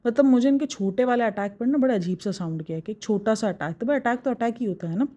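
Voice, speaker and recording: This woman from Pakistan talks fast in a fairly high, warm voice. In her casual vlog reviewing other vloggers, she makes her case emphatically and answers critics directly.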